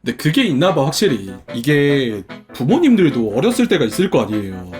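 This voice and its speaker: A young man sits in his room at home and chats casually with his viewers, thinking out loud in a playful way. His voice sits a little high and swings widely in pitch, full of animation. Soft background music plays faintly beneath him. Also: sing-song, fairly quick. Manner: chatty, playful, muses aloud. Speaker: streamer.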